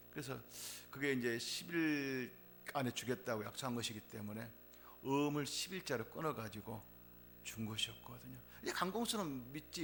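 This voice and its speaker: A man's voice: mid-range voice, gravelly, fairly bright tone. A middle-aged man preaching a sermon, telling a personal testimony and rising to emphatic fervor. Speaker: pastor.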